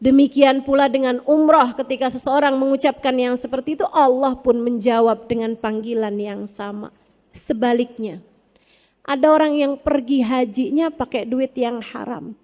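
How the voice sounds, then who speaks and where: A woman preacher, giving an animated sermon that mixes formal address with slang. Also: high-pitched, moderate pace, in a large hall, highs cut off. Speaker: Islamic preacher.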